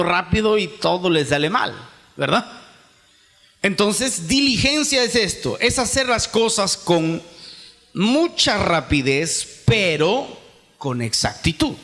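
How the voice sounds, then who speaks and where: A man's voice: high voice, pushed and bright. A Peruvian man with a Peruvian Spanish accent preaching a sermon at a youth conference. He reads scripture aloud, explains it, and asks rhetorical questions that he answers himself. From Peru. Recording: long reverb of a large hall.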